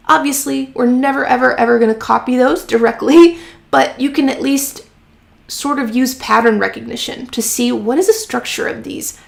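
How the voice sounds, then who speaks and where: An encouraging woman answers viewer questions on a live stream from her home office, her voice a touch high and full of vocal fry. She talks in a loose, chatty way, full of "um" and "like," and sounds a little hoarse after talking a long time. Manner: chatty and encouraging, many fillers like "um" and "like". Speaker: host of a freelance writing live stream.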